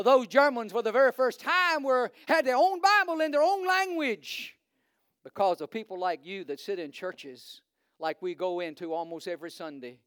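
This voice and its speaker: Preaching as a visitor, a man from Virginia with a Virginian accent uses a high, fairly bright, clear and resonant voice. His delivery is fervent and rises into emphatic repetition with frequent "uh"s. The recording is dry and clean, with studio sound.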